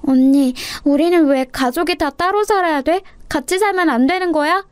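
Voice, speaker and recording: A woman's voice: normal speed, no room sound, studio quality, close to an everyday voice. A woman voicing a clingy little orphan girl who begs her big sister not to leave her. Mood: pleading. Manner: pleading, high childlike whine.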